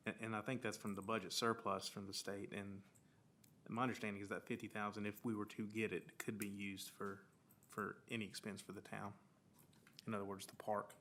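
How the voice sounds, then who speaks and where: A man's voice: level tone, fairly quick, fairly bright tone. An American man, a council member, speaking informally in a town meeting discussion. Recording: faint background noise with rumble.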